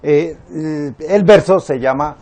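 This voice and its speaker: A man teaching a Spanish grammar lesson, explaining syllables slowly and counting them out step by step. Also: on the high side, mellow.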